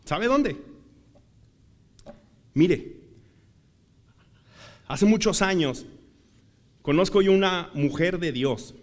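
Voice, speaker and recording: A young man preaching a sermon in Mexican Spanish, telling a story that swells from soft, easy talk to shouting. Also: high voice, lively intonation, drawn-out words, pauses often. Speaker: pastor.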